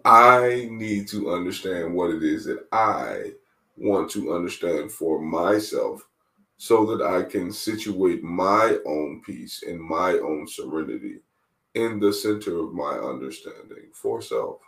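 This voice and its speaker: Low-voiced man in his twenties, roomy sound. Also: animated, vocal fry, fairly bright tone. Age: 20s. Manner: measured, repeats key phrases for emphasis. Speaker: guest, mental wellness coach. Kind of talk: reflective interview talk. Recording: roomy sound, distant from the mic.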